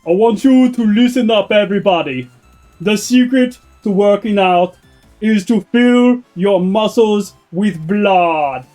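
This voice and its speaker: A streamer voicing a male Austrian fitness trainer in a mock Austrian accent, counting out reps in a loud, slow drill cadence. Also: medium pitch, soft background music, pitched above the performer's own voice, close to an everyday voice. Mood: commanding.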